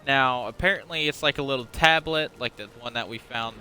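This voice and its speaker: Bright-voiced man rambling over gameplay. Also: mid-range voice, fairly quick, slight background noise. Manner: rambling, unrehearsed, admits stuttering, swears casually. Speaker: gaming channel host. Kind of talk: casual let's-play commentary.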